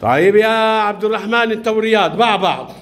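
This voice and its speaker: A man teaching young pupils in a classroom, patiently quizzing them with questions, praising them and gently scolding them. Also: high voice, fast, a little hiss or hum. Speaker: primary school teacher.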